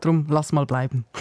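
Playful Swiss man, slightly high voice. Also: mellow, husky, no echo, studio quality. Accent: Swiss German. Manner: playful, jokey, drawn-out word examples. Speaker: co-host. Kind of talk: casual radio chat.

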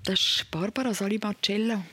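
A woman with a Swiss German accent hosting a late-night call-in radio show, chatting and gently prompting her callers with questions. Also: medium pitch, steady tone, brisk, husky. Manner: conversational, probing, gently prompting.

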